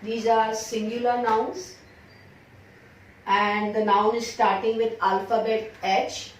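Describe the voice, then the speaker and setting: An Indian woman teaching English grammar, stretching out each example sentence word by word before explaining it in a quicker Hindi. Her voice is captured from a distance in a strongly echoing room with a faint ambient hiss. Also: fairly high pitch, level tone. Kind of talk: grammar lesson. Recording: far-off echoey room recording.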